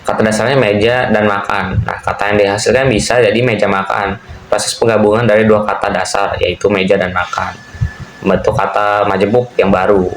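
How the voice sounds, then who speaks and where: A young man with a lowish voice walks through a class presentation in a loose, explanatory way, dropping filler words and restarting phrases. The recording has a roomy echo and a faint hiss behind it. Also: level tone, a little fast. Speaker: university student presenting. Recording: echoey room with faint hiss.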